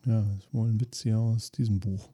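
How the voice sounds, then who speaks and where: A man's voice: fairly low pitch, steady tone, brisk, dark tone, breathy edge. A man hosting a podcast, reading jokes aloud in a dry, weary, self-mocking way, with asides between them.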